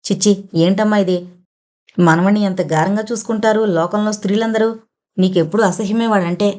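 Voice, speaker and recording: An exasperated young man reproaches his mother for the constant fighting at home, as a woman reading the novel puts him on. His lines come out fed up and disapproving. The pitch stays middling. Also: steady tone, a little fast, a little mellow, natural voice. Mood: reproachful.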